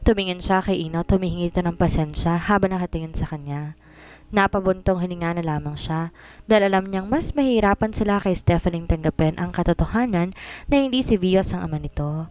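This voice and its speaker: A woman's voice: lowish voice, fairly quick, a little mellow, no echo, rough recording. A woman narrating a dramatized story, mixing English into Tagalog.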